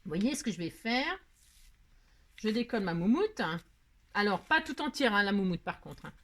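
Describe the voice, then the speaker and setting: Woman, middle-aged craft-tutorial host, rambling and self-mocking, mid-pitched, faint background noise. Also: very animated, moderate pace, fairly bright tone. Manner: rambling, self-mocking, talks to herself while working.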